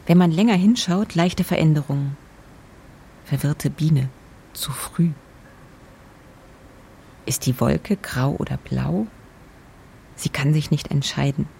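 Female narrator, contemplative literary feature, slow delivery, slight background hiss. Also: deep voice, creaky. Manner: quiet, fragmentary, contemplative. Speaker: author narrator.

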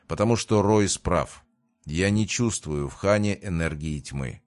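A man's voice: deep voice, unhurried. A man reading an audiobook, voicing a composed young woman mage who speaks firmly.

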